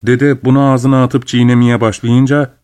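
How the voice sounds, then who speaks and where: A man narrates a novel aloud as an audiobook. His delivery is steady and even, with a mid-range pitch. He reads in a measured storytelling manner. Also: clean tone. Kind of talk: scripted narration.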